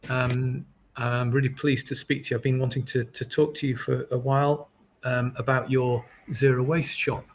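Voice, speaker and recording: A man hosting a webinar casually, halting and friendly with many fillers. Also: mid-range voice, little pitch movement, slight background noise. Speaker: webinar host.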